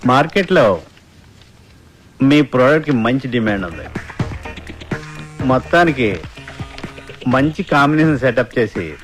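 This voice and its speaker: A man's voice: medium pitch, expressive, faint music behind, natural voice. An actor playing a smug, businesslike male film financier who talks down to the filmmakers. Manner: slow, businesslike, condescending. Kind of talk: comic film dialogue.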